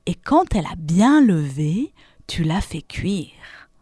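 A woman's voice: fairly low pitch, sing-song, slow pace, mellow, slightly rough, no echo, clean studio sound, full character voice. A woman voicing a patient, cheerful man who harvests wheat and explains things plainly. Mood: explaining. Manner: explanatory, matter-of-fact.

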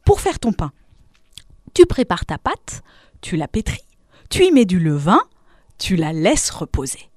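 A woman's voice: on the low side, wildly swooping pitch, a little slow, long pauses, darkish tone, dry recording, clean studio sound, full character voice. A woman voicing a patient, cheerful man who harvests wheat and explains things plainly. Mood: explaining. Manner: explanatory, matter-of-fact.

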